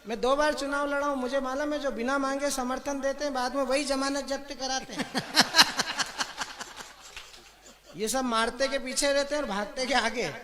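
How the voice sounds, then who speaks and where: A male comic poet from Madhya Pradesh recites verses and jokes on a live stage, teasing the audience as he goes. His voice sits very high. A loud audience fills the room around him. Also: fairly even intonation, a little fast, a crowd in the background. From Madhya Pradesh, India.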